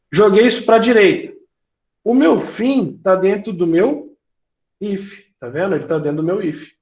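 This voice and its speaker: A man's voice: fairly high pitch, darkish tone. A man with a Brazilian Portuguese accent teaching a live online coding class, patient and full of questions to the class. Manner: patient, asks the class questions, many filler tags. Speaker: programming teacher. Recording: roomy, dull lo-fi sound.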